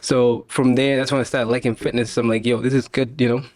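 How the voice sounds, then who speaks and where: With a brisk delivery and medium-pitched voice, a young Tanzanian podcast guest keeps things casual, sprinkling in "you know" and laughing easily. The recording has no echo.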